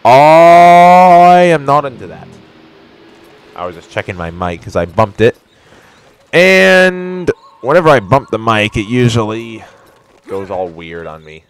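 A man's voice: fairly low pitch, animated, unhurried, a bit bright. Goofy young man narrating gameplay. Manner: joking, goofy, breaks into silly voices. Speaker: let's play commentator. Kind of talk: casual gameplay commentary.

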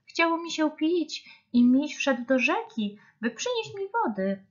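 A tiny girl squirrel, as a woman reading aloud puts her on, chirps high and quick with a lively, swooping voice. The storybook recording is muffled. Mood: chirpy.

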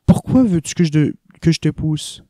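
A man's voice: a little high, expressive, normal speed, dark tone, no room sound, studio quality, voice pushed up, close to an everyday voice. A man voicing an earnest young man in love with his companion. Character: German man in love, earnest, a bit puzzled.

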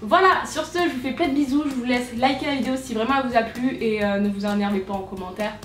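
Brash young woman, high-pitched, comedic crude rant, slightly distant mic in a roomy space. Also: quick pace, soft background music. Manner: brash, crude and self-mocking, swings to loud outbursts. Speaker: youtuber. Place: at home on a sofa.

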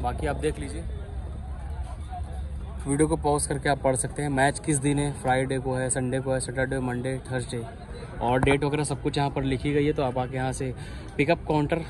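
A young man with a Lucknow Hindi accent, talking excitedly to viewers as he walks around with a handheld camera. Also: medium pitch, brisk. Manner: excited, chatty, calls viewers bhai. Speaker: vlogger. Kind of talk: walking vlog, handheld. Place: outdoors by a stadium and in a crowded ticket hall. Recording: handheld camera amid loud crowd. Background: crowd and traffic noise.

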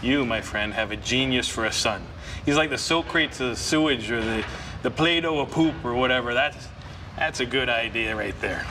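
An actor playing a brash, sarcastic, wisecracking plumber in a TV comedy-drama. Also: male voice, mid-range voice, normal speed, background noise, natural voice. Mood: jovial. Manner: sarcastic, blustery. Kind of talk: television comedy-drama acting.

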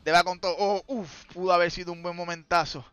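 A man calling a mobile game tournament as play-by-play commentator, joking and exclaiming loudly at big plays. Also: high-pitched, steady tone, fairly quick, smooth, no echo, highs cut off, faint music behind.

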